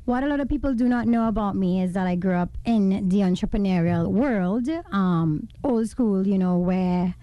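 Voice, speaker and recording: A woman from Venezuela, a guest telling her life story in a casual interview, animated and laughing often. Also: medium pitch, moderate pace, hardly any pauses, dry recording, dull audio. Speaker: guest entrepreneur.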